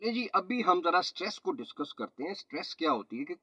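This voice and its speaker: A man, a trainer explaining pronunciation in a slow, step-by-step lesson. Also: high-pitched, sing-song, pushed and bright, slightly rough, dry recording. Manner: slow, explanatory, mixes in English phrases and tongue twisters. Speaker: IELTS and PTE trainer. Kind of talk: spoken teaching lesson. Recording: slightly dull, lo-fi audio.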